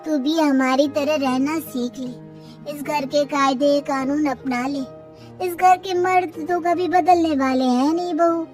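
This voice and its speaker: A woman voicing a timid, resigned older mother-in-law who gives hushed advice. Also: high-pitched, steady tone, slow, distant mic, faint music behind.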